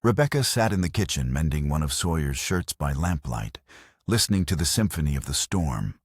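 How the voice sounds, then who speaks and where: A man narrating a western story in a slow, measured storybook reading. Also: extremely low pitch, sing-song, slightly rough, dry recording, clean studio sound.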